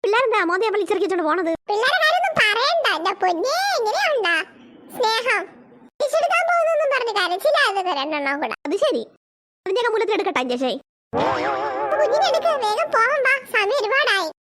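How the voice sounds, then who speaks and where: A woman voicing young sisters and their mother in an animated cartoon, switching between quick shouty bickering and soft cooing over babies. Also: very high-pitched, heavily acted. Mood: chatty. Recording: noisy home recording.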